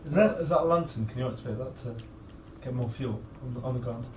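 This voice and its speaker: A man's voice: mid-range voice, darkish tone. Guy chatting over a horror game, keeps restarting words, roomy sound, a bit far from the mic. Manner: halting, restarts and repeats words. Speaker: co-host of a gaming video. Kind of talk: casual let's-play commentary. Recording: roomy, off-mic, faint noise.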